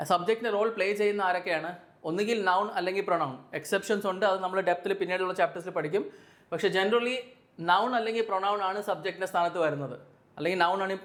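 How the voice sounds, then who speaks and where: A Malayali-accented man explains grammar in a bright, high voice. He poses a question, answers it himself, and repeats each key term as he goes. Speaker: grammar teacher. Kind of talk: classroom explanation mixing two languages.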